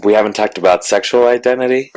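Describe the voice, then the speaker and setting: A man's voice: fairly low pitch, fast, a little mellow, clear, resonant tone, low-quality recording. A man co-hosting a casual lunchtime chat, playful and sassy, swearing freely. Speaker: podcast co-host; artist.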